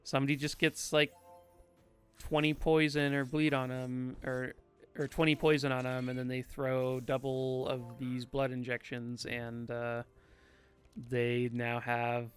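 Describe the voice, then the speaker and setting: A young man giving casual, unhurried commentary while playing a game, tired and yawning, thinking aloud with many pauses and fillers. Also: mid-range voice, clean tone. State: sleepy. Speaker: gaming streamer.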